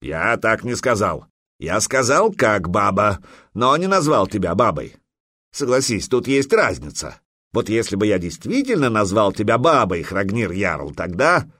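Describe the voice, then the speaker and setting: A man's voice: on the low side, very animated, a little slow, pushed and bright, no room sound, clean studio sound, full character voice. A man voicing a huge gray-bearded old warrior chief who taunts and bellows. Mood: mocking.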